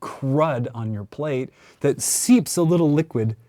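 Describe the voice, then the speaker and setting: A man's voice: medium pitch, unhurried, warm tone. A man co-hosting a casual chat, telling stories with playful self-mockery. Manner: playful, self-mocking storyteller. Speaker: co-host.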